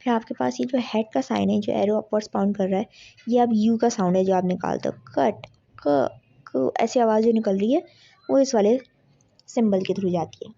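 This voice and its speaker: Husky woman tutoring for exams. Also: mid-range voice, fairly quick, warm tone. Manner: explains step by step, mixing in English terms. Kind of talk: exam revision lecture. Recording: dull lo-fi audio.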